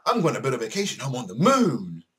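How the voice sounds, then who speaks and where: A man voicing a dim, cocky teenage boy from a visual novel, boastful and excitable. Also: medium pitch, fast, breathy edge, exaggerated voice. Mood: boastful, proud.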